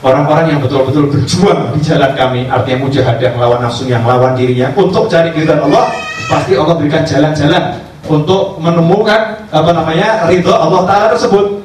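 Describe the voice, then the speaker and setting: A man, a religious teacher telling stories in a sermon, acting out dialogue in lively voices. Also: on the high side, brisk. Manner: animated storyteller acting out dialogue. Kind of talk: sermon storytelling. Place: cafe gathering. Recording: echoey distant room recording, faint background noise.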